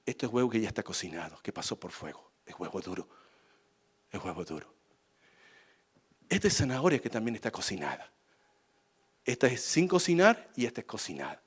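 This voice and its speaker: Storytelling in a sermon: male preacher as a patient mother, soft and calm, gently soothing. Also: lowish voice, a little fast, pauses often, breathy edge, voice pushed down. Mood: explaining calmly.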